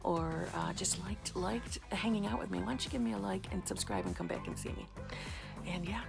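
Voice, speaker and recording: Woman vlogger, New York accent, gravelly fry, sarcastic and blunt, faint music under her. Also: medium pitch, sing-song, normal speed. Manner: blunt, sarcastic, swears casually. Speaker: beauty vlogger. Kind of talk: casual chat to camera. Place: home, indoors.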